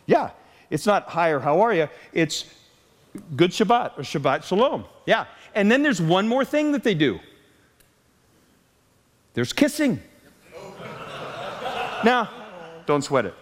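A man telling a humorous story in a sermon, animated and jokey, acting out the voices of people he quotes. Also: sits high, slow, long pauses, in a large hall. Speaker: preacher.

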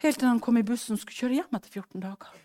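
A middle-aged woman preaching a sermon, fervent and swinging between hushed speech and loud exclamations, acting out the prayers and dialogue she retells. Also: fairly high pitch. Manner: acts out quoted prayers and dialogue.

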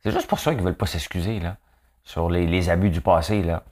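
This show host talks briskly in a low, slightly mellow register, his voice nasal and his accent Québécois. His monologue is loose and full of jokes, and nearly every line ends on a chatty "hein".

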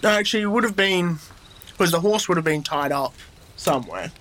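A man with a slightly high voice playing a tabletop game. He talks hesitantly with many fillers and restarts, and faint noise sits behind him. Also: expressive, a little fast, fairly bright tone. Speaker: player. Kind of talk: tabletop role-play chat.

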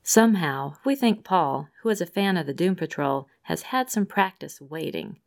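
A woman's voice: lowish voice, expressive, moderate pace, creaky. A woman co-hosting a podcast, reading listener mail with upbeat emphasis on the quotes. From Rhode Island, USA. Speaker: podcast co-host.

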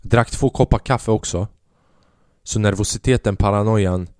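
A man's voice: darkish tone, no echo, clean studio sound. Rambling self-mocking young man podcaster. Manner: rambling, self-mocking, acts out quotes in a higher voice. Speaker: podcast host. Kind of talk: casual storytelling monologue.

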